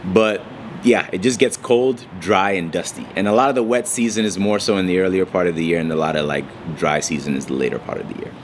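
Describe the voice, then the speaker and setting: A young man from Nigeria, chatting casually as an interview guest in a relaxed way, with many fillers. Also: low voice, fast, slight background noise.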